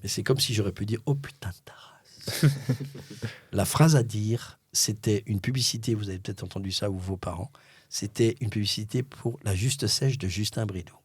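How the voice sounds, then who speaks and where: A middle-aged French man, a voice-over artist, telling a story in an animated, theatrical way and acting out the dialogue. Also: on the low side, fairly quick, husky, dry recording. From France.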